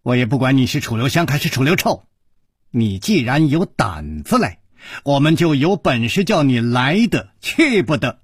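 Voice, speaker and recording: A male storyteller voicing a fierce, stern young noblewoman with a sharp, harsh, rapid scolding delivery. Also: mid-range voice, sing-song, slightly rough, no echo, studio quality, voice pushed down. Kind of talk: traditional storytelling performance.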